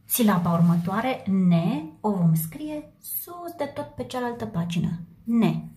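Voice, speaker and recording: A woman teaching a handwriting lesson to first graders, speaking slowly and spelling words out letter by letter. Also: medium pitch, animated, mellow. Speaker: primary school teacher. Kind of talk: slow handwriting lesson for young children.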